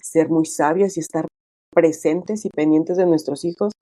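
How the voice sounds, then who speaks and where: A middle-aged woman talks casually as an interview guest, full of fillers and acted-out quotes. Her voice is mellow and warm, recorded dry and close with no room sound. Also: low voice, steady tone, measured pace, dry recording. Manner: chatty, many fillers, acts out quoted dialogue.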